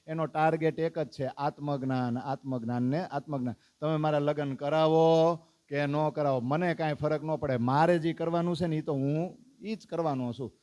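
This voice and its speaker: A man's voice: on the high side, darkish tone. A man giving a storytelling sermon, asking his listeners questions and acting out the characters' lines. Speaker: religious discourse speaker. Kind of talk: storytelling sermon to a live audience.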